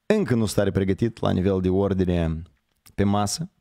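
A man with a hoarse voice hosting a live online show, talking in a rambling, conversational way and correcting himself as he goes. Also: low voice, dark tone, no echo, studio quality. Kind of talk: casual live-stream commentary.

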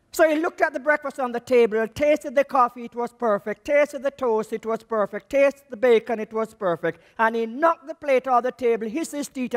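A man with a Jamaican accent preaching a sermon as a missions speaker, slow and emphatic, his voice dropping low on the key words. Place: church. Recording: long reverb of a church hall.

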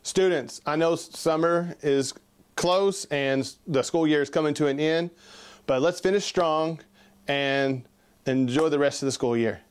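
Man, school counselor, smooth resonant voice, friendly announcements. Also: fairly high pitch, measured pace. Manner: friendly, direct address to students.

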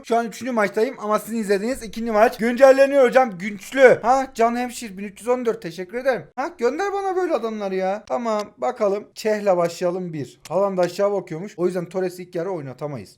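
A young man in his twenties, originally from Kahramanmaraş, who speaks with an Istanbul Turkish accent and has a rather high voice. He commentates a mobile football match live, excitable and jokey, and keeps shouting instructions at his players. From Kahramanmaraş, Turkey. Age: 20s. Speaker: mobile football gaming YouTuber.

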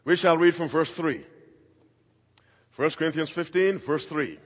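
High-voiced preaching man, long hall reverb. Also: a little slow. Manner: emphatic preaching, swings between loud and quiet. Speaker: pastor. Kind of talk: sermon.

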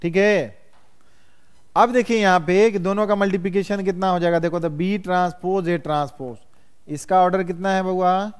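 A man's voice: high-pitched, steady tone, moderate pace, smooth. A male math teacher, lecturing a class and constantly quizzing his students. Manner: quizzes students constantly, calls them "बउआ".

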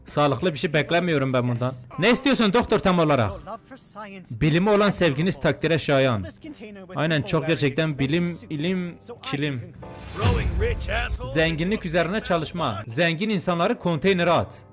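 Young guy doing a let's play, crude jokes, suddenly yells a lot, bit high voice. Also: lively intonation, moderate pace, faint music behind. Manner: crude, mock-outraged, bursts into shouting. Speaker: gaming YouTuber. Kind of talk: comedic let's-play commentary.

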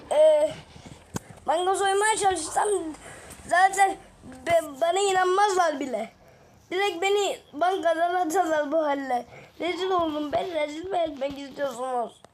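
A woman voicing several characters in a game video, excitable and teasing, full of exclamations. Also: extremely high pitch, slight background noise. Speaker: gaming video creator.

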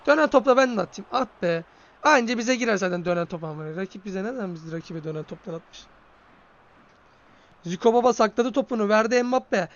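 A man streaming a mobile football game, commenting live, excitable and swearing, shouting when goals go in. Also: high-pitched, a little fast, muffled recording, slight background noise. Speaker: gaming streamer.

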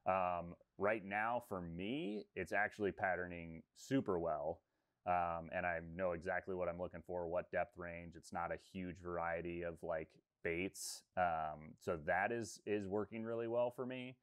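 A man's voice: low voice, measured pace, smooth. A man in his thirties, a fishing guide, talking casually on a video call with lots of fillers. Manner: relaxed, rambling, many fillers. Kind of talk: casual interview talk. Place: room with textured ceiling. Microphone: video call webcam.

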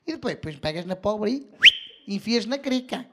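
A man's voice: high-pitched, animated, a little fast. A male comedian voicing a crude middle-aged mother who gives bawdy, matter-of-fact advice. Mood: instructing.

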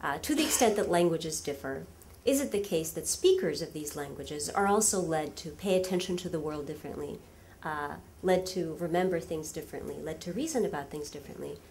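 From a lectern in a spacious hall, a Russian-native woman gives a lively academic lecture peppered with fillers and rhetorical questions. She has a low-pitched voice and speaks fairly quickly, with slight background noise present.

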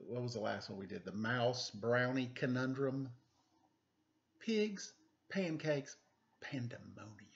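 A man in his forties hosts a children's storytime from a room at home, reading a picture book with playful, chatty asides. His voice is medium in pitch with vocal fry, and the webcam recording sounds dull and lo-fi.

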